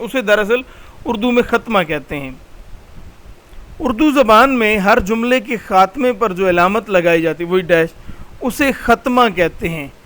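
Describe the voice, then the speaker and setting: High-voiced male teacher with Pakistani Urdu accent. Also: pushed and bright. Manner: patient, explanatory, repeats key terms. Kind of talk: recorded slide lecture.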